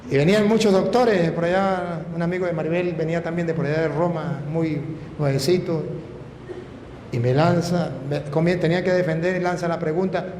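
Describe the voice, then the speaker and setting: A middle-aged man, a priest telling a story in an animated, emphatic sermon. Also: on the high side. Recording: echoey hall, faint noise.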